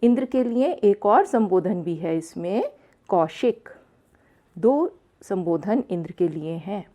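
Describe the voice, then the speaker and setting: A woman's voice: medium pitch, animated, takes it slowly, warm tone. A woman teaching a textbook lesson, reading each line aloud and explaining it phrase by phrase, repeating words as she goes. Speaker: Sanskrit teacher.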